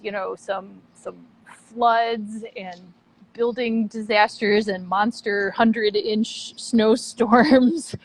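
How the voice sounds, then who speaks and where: On this rough recording, her medium-pitched voice stays steady and slow. The puppet theater director chats brightly as a guest in an online video interview, using a phone or laptop while moving from outside the theater into the lobby.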